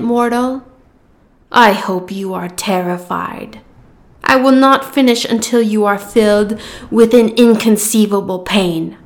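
A woman voicing a cruel, gloating giant goddess who speaks in slow, taunting threats. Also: medium pitch. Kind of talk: fantasy audio roleplay.

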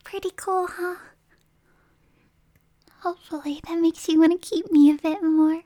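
A possessive supernatural girl, played by a woman, murmurs to her human captive in an ASMR roleplay. Her voice sits very high and unhurried, mostly whispered and coaxing, with sudden sharp outbursts. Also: steady tone. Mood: unsettling, whispery. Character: possessive, unstable young supernatural girl captor.

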